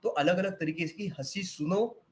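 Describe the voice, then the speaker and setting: A man's voice: sits high, measured pace. A man with an Indian accent teaching a children's online acting class over a video call. He acts out the laughs as he explains them. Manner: animated, demonstrating laughs. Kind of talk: online class, mixing Hindi and English.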